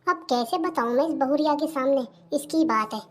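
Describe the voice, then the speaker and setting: High thin voice, fussy old village amma, dramatic and scared, a voice actor puts her on, cartoon. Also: a little fast, a bit bright. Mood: fretful. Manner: fussy and dramatic, mutters asides to herself. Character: fretful old village mother-in-law, suspicious and scared. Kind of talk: cartoon comedy voice acting.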